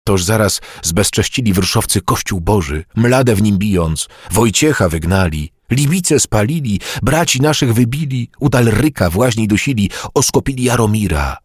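A man doing a fiery, husky medieval monk. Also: on the low side, no echo, clean studio sound, voice pushed up. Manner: preaching, condemning, impassioned. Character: fervent, hot-tempered male medieval monk.

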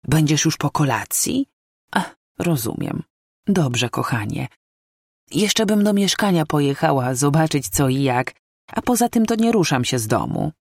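A reader voicing an elderly woman, a gentle grandmother talking softly and fondly on the phone. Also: mid-range voice, very animated, unhurried, creaky, no echo, studio quality, heavily acted. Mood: tender. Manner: soft, affectionate phone talk.

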